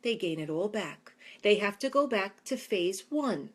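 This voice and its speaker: A woman's voice: medium pitch, lively intonation, unhurried. A woman in her forties with a New York accent, a fitness trainer talking earnestly and chattily in a vlog. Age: 40s. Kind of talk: casual vlog talk.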